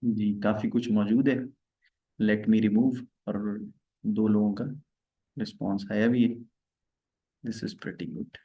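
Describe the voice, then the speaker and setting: A man's voice: on the low side, level tone, takes it slowly, long pauses. Man, live tax class, chatty and conversational; roomy, slightly dull stream audio. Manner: chatty, acts out dialogues and asks viewers questions. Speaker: tax and accounting teacher. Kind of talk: live online tax lesson.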